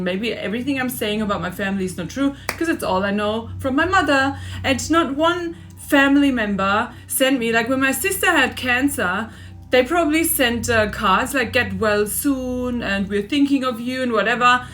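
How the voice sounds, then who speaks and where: A woman's voice: fairly high pitch, fairly bright tone. A woman in her forties ranting in a personal vlog, agitated and repeating herself for emphasis. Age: 40s. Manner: agitated, venting, repetitive emphasis. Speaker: vlogger. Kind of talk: emotional personal vlog rant.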